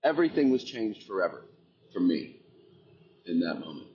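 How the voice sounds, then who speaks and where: A man's voice: deep voice, very animated, moderate pace, lo-fi sound. A man earnestly recounting a personal experience, intense and reflective, repeating phrases for emphasis.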